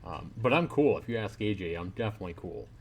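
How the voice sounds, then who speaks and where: A fast-talking, animated livestreamer with a lowish voice reads a visual novel aloud and reacts to it, some slight background noise present. His play-through commentary is laid-back and full of jokes aimed at chat.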